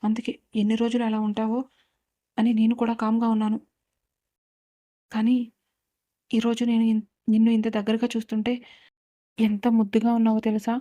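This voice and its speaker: Woman reader doing a love-struck young man: tender, quick inner thoughts, mellow. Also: a little high, completely flat delivery, natural voice. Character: smitten, teasing young man.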